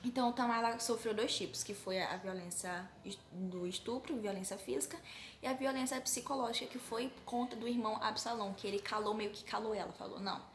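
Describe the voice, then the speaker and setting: A woman's voice: on the high side, brisk. Young brazilian woman chatting thru a bible story, echoey room, faint hiss. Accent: Brazilian Portuguese. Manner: chatty, addresses viewers as "gente", hesitant fillers. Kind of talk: casual Bible retelling. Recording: roomy recording with faint noise.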